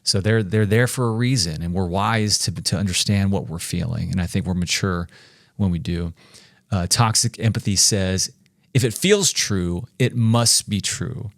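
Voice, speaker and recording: A man in his forties co-hosts a faith-based leadership podcast, speaking emphatically and directly to listeners. His voice is deep and moderately paced, captured with studio quality and no echo.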